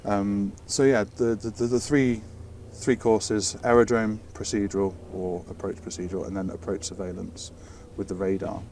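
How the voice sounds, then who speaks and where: In a casual explanatory interview, a British man walks through technical air traffic control work, hesitating and restarting words now and then. His fairly low, slightly mellow voice holds a steady tone at a moderate pace with few pauses. Faint ambience and background noise come through the distant mic.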